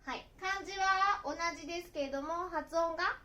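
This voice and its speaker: A woman teaching a kanji writing lesson as a language teacher, slowly and carefully counting out the stroke order. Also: very high voice, sharp tone.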